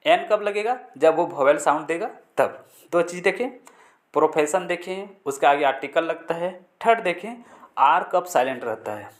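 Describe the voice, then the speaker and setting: A man teaching a spoken English lesson in Hindi, repeating words slowly as drills and explaining step by step. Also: fairly high pitch, animated. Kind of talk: classroom-style language lesson.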